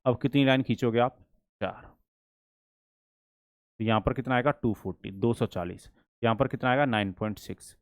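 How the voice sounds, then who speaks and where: A man teaching a maths lesson for exam prep. He asks the class questions and answers them himself, and he reads problems slowly and deliberately. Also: medium pitch, steady tone, no room sound, studio quality.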